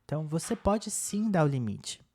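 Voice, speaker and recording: A young man presenting a self-help lesson in a calm, casual way, often repeating and rephrasing as he goes. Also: on the high side, normal speed. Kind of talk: casual instructional talk.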